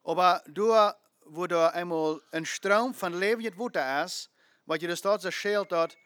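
A man's voice: high voice, normal speed, a bit bright, no room sound, studio quality. A man preaching a sermon, emphatic, repeating phrases and asking rhetorical questions.

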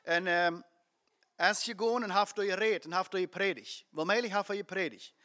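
A man's voice: high-pitched, moderate pace, sharp tone. A man preaching a sermon, telling a story earnestly and with emphasis, with frequent fillers as he goes.

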